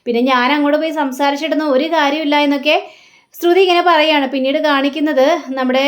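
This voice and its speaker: A woman narrating a TV serial recap in casual storytelling. She recounts scenes loosely and conversationally. Her voice sits high. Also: steady tone, quick pace.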